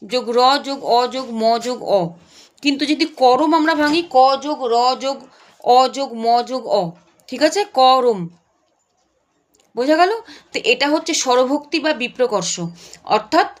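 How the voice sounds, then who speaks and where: A woman with a high voice teaches a grammar lesson. She breaks each point into small steps and keeps asking her students whether they follow. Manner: explains step by step, checks understanding often.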